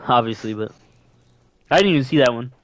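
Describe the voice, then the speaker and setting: On a podcast he co-hosts, a young man rambles in relaxed, self-deprecating casual chat. He sounds animated and fairly quick at a medium pitch, with no echo in the audio.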